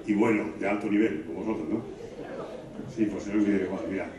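Joking man on a distant roomy stage. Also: crowd noise. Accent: Spanish, from La Mancha. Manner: quick, animated joke-telling, jumping into high voices for the characters. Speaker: stand-up comedian. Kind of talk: live stand-up jokes before an audience. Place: stage in a hall. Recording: roomy, distant, dull live recording.

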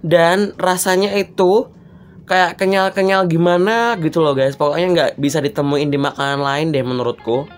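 A woman's voice: deep voice, fairly even intonation, moderate pace, faint music behind. Chatty young woman talking with her mouth full. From Central Java, Indonesia. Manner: chatty, keeps calling viewers "guys". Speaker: food vlogger. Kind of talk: casual mukbang food review.

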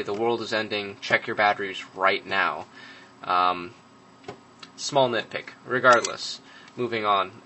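A man's voice: mid-range voice, sharp tone, a little hiss or hum, low-quality recording. A young man giving a casual hands-on review of a gadget at a workbench, matter-of-fact, with frequent ums and uhs. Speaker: product reviewer.

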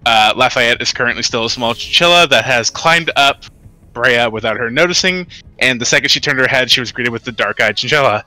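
Bright, forceful man narrating a game. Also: medium pitch, a little fast, dry recording, poor audio. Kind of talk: casual tabletop game narration.

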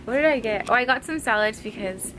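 A woman's voice: fairly high pitch, expressive, fast, noisy background. A young woman talking casually to her phone camera in a vlog, chatty and upbeat, rambling a bit. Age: young adult. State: out of breath while working out. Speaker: vlogger.

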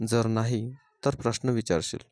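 Calm mystic stranger in an audio story, soft and unhurried, dark tone, read by a man. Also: medium pitch, no echo, studio quality, close to an everyday voice. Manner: calm, quiet, measured. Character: calm mysterious man, Krishna-like wanderer.

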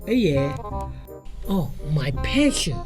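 A woman's voice: mid-range voice, very animated, extremely slow, loud music behind the voice. A Thai woman co-hosting a radio English lesson, chatting, asking questions and repeating English phrases back. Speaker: radio co-host.

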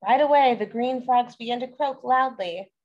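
A woman's voice: fairly high pitch, normal speed, dull audio. A woman reading a children's story aloud as a storyteller, adding playful asides to young listeners.

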